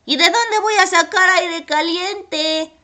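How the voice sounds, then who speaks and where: Woman voicing a squeaky excitable boy. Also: takes it slowly, heavily acted. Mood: excited. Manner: squeaky, excitable, easily distracted. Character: excitable boy character playing with toy footballers. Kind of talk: children's educational cartoon acting.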